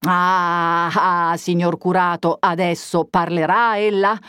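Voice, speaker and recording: A woman reading aloud, voicing a hot-tempered young peasant man who demands answers forcefully. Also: lowish voice, flat delivery, slow, clear, resonant tone, dry recording, studio quality. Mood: angry.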